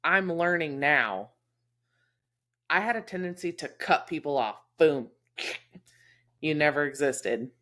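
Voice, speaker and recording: A woman with a Texas accent and a very low, deep voice talks in an easy podcast chat. She speaks candidly and from the heart, with plenty of "um" and "you know" as she thinks aloud. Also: lively intonation, a little slow, pauses often, fairly bright tone. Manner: candid, heartfelt, lots of fillers. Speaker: podcast co-host. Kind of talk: casual chat.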